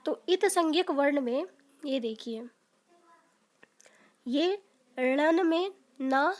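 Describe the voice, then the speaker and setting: A woman's voice: sits high, extremely slow. A woman teaching a lesson on quiz questions, explaining each answer step by step and often checking in with her students. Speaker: Sanskrit teacher.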